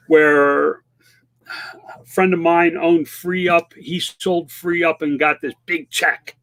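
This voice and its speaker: A man in his fifties talks candidly and loosely, like someone hosting a casual livestream. His voice sits a touch higher than most men's, and he stumbles through restarts and fillers as he answers comments. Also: a bit bright. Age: 50s. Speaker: online seller and livestream host. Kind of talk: casual livestream chat reading viewer comments.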